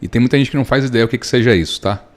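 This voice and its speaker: A Brazilian man in his thirties, a lawyer, explaining his work at length with everyday examples in a relaxed podcast interview. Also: medium pitch, very fast. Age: 30s. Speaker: lawyer and guest.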